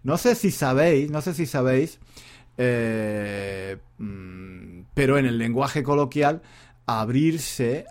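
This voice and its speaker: A Spanish teacher who also podcasts delivers a casual monologue lesson. He is a man who meanders and chats freely, repeating himself often and doubling back on his words. His pitch varies widely, and the whole thing feels like an informal spoken lesson.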